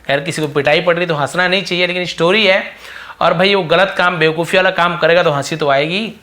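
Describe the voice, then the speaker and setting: A middle-aged male teacher with a bright, fairly high voice. He reads English phrases slowly, word by word, then explains each one in a patient lesson tone. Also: steady tone. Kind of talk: explaining an English story in Hindi.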